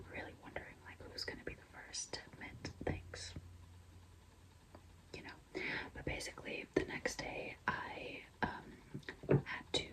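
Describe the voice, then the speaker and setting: In a breathy, mostly unvoiced whisper, a young woman vlogger tells viewers a personal story. She sounds confiding and casual, often dropping "like" and "you know." The recording is of poor quality.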